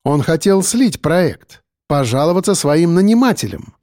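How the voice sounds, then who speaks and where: Мужчина озвучивает хладнокровную насмешливую женщину-убийцу, говорящую спокойно и ледяным тоном. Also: female voice, lowish voice, unhurried, dry recording, studio quality, voice pushed up. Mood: mocking. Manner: calm, icy, mocking. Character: cold, mocking female killer.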